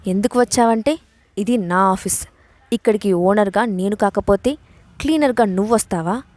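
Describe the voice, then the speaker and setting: A woman's voice: mid-range voice, moderate pace, darkish tone, no echo, lightly acted. A woman reading the part of an arrogant, scheming older woman in an audio story, speaking angrily and boastfully. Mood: furious. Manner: angry, boastful.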